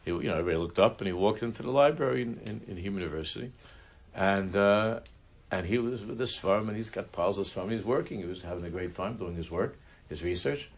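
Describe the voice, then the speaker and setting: A man teaching a religious class, telling a story in a halting way, often restarting his sentences. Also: on the low side, slightly rough. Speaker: Torah teacher.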